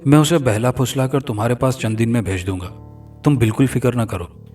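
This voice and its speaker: A man's voice: mid-range voice, brisk, a little mellow, distant mic, faint music behind, natural voice. Kailash, a man doing a worried older man.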